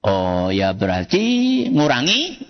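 A small boy answers his mother hesitantly, in plain childlike reasoning, as a male preacher acts him out. The pitch sits a little low and the pace is slow. The sound is echoey and muffled, as if from a hall. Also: huge pitch swings, full character voice. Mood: sheepish. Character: young boy sheepishly explaining himself to his mother.

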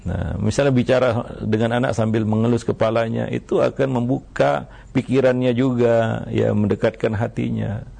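A man, an Islamic teacher giving religious advice, speaking in a measured way with many small fillers and quoting Arabic verses. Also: mid-range voice, fairly even intonation, creaky, mellow. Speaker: Islamic teacher answering questions.

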